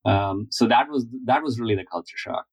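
Guy from india in his 40s, lowish voice, slow thoughtful podcast answers, lots of uhs, dry mic. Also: husky, no echo, low-quality recording. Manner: measured, thoughtful, many uh fillers. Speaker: guest, finance founder. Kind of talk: interview answers.

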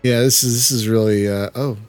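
A man's voice: mid-range voice, fairly even intonation, fairly quick, darkish tone, dry recording, faint music behind. A man hosting a podcast, chatting casually while playing a game and reacting aloud with stumbling restarts. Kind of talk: casual gameplay chat.

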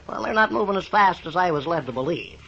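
Glib, high-voiced old-radio blanket salesman. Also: lively intonation, creaky, a bit bright, exaggerated voice. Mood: frank, unbothered. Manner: florid wording, brisk sales patter. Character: glib, wordy, cheerful down-on-his-luck blanket salesman. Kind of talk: 1940s radio comedy acting. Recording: noisy, dull 1940s radio recording.

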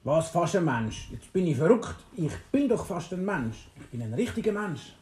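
A woman's voice: on the low side, very animated, normal speed, warm tone, a little hiss or hum. A woman with a Swiss German accent voicing a cheerful, knowing little male robot, stretching her words in a bouncy way. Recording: roomy, echoey.

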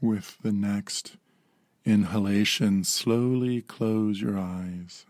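A man in his fifties gently guiding a slow mindfulness meditation, calm and unhurried with long pauses. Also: lowish voice, no echo, studio quality. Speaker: meditation guide.

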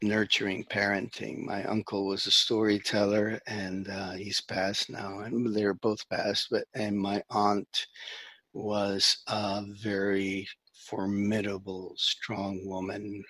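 A middle-aged man raised in the Dominican Republic, a therapist talking as a guest in a conversational interview, halting with many fillers and restarts. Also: on the low side, level tone, bright, forceful tone, no echo.

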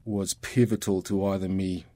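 Earnest Australian man, low voice. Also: level tone, normal speed, warm tone, no room sound. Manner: earnest, reflective. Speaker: guest, ministry worker. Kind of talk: casual conversation.

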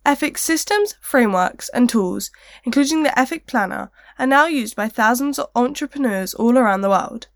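A woman's voice: on the high side, animated, normal speed, dry recording, clean studio sound. A woman co-presenter narrating a scripted guest introduction.

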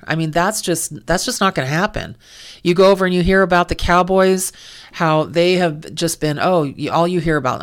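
A woman hosting a sports talk show, giving opinionated, exasperated football commentary with sarcastic asides. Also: on the low side. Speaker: sports podcast host. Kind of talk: casual football commentary monologue. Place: lives in California.

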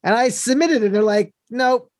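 A man hosting a casual chat, relaxed and rambling, with jokey asides. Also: on the high side, moderate pace.

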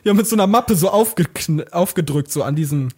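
A man's voice: high-pitched, animated, brisk, a little mellow, breathy edge, faint music behind. A young man co-hosting a podcast, telling a story in a rambling way and acting out the lines of the people in it. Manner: rambling, acts out quoted lines. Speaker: podcast co-host. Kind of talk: casual storytelling chat.

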